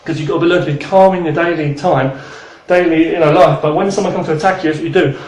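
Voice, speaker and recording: A man's voice: fairly high pitch, fairly even intonation, fast talker, darkish tone, roomy sound, rough recording. A man in his thirties teaching martial arts in a rambling, casual way, swearing and then apologizing. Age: 30s.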